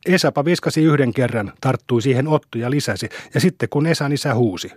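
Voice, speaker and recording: A man reading a classic novel aloud as an audiobook narrator, in steady storytelling. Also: medium pitch, breathy edge, no room sound, clean studio sound. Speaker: audiobook reader.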